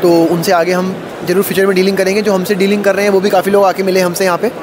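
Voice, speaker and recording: A man's voice: high voice, little pitch movement, very fast. A man in his thirties representing a food company, explaining products in a trade fair interview into a handheld mic. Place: busy indoor expo stall. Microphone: handheld mic held by interviewer. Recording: noisy expo hall.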